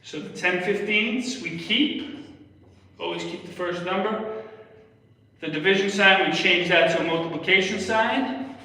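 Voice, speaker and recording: This young adult explains math step by step on a livestream from a library room with a whiteboard, casually repeating things as he goes. His voice sits high and comes out pushed and bright, at a measured pace with frequent pauses. Captured by a phone camera a step away, the audio is echoey and distant.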